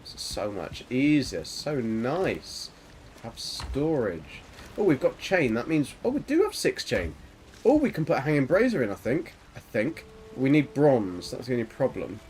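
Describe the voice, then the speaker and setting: Speaking a bit slowly in a soft, mid-range voice, this male streamer sounds very animated while he plays, talking loosely to viewers and murmuring to himself. There's a slight hiss or hum on the recording.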